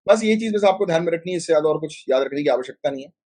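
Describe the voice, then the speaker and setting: A north Indian man teaching a live online class for civil service exams, talking in a chatty, filler-heavy way. His voice sits a little high for a man. He slips English terms into his talk and keeps firing quick questions at his students. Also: animated, a little mellow. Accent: Hindi-speaking north Indian. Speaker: exam coaching teacher.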